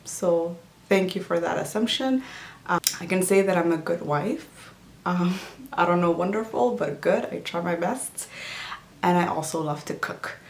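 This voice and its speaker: In a casual Q&A vlog recorded with roomy echo, a Djiboutian woman who talks health and nutrition speaks in a lowish, unhurried voice. English isn't her first language, and her easygoing chatter is packed with fillers and restarts.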